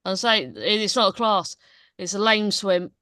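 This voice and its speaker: A woman's voice: medium pitch, a little slow, bright, forceful tone, no room sound, studio quality. A woman co-hosting a live stream, bantering in a teasing, matter-of-fact way. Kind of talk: casual live stream chat.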